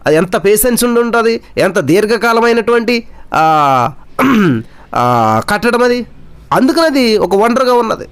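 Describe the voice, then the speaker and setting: Man preaching, high voice, emphatic, rhetorical questions, English words mixed in, slows for key lines. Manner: mixes English words into speech. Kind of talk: sermon.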